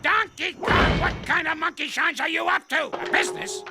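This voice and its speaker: An actor playing a cranky old male ape in a cartoon, scolding and name-calling in a gravelly, crackly old voice. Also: moderate pace, loud music behind the voice. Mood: grouchy scolding. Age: older. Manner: scolding and name-calling, swooping wildly in pitch. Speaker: grouchy elder ape in a cartoon series. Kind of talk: cartoon voice acting.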